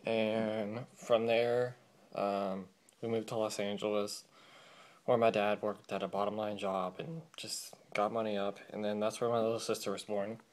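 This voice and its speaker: A man's voice: fairly low pitch, flat delivery, unhurried. A young man from California, telling his life story in a casual, rambling vlog with many fillers, recorded on a camera mic. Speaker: vlogger.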